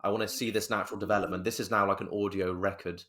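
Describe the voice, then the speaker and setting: Low-voiced man hosting, rambling warmly. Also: flat delivery, racing. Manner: warm, rambling, with many restarts. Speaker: podcast host. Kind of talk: casual interview.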